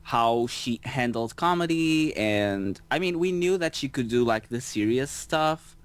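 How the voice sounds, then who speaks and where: A man co-hosting a podcast, chatting casually about a TV episode and chiming in with opinions and quick agreements. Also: medium pitch, lively intonation, clear, resonant tone. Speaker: podcast guest co-host. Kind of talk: casual TV episode review chat.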